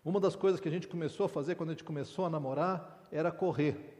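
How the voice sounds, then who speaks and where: A man's voice: on the high side, fast talker, darkish tone. Man preaching in a reverberant hall. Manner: informal and candid, with humorous asides and restarts. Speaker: preacher at a men's meeting. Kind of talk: conversational sermon. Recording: long reverb in a large hall.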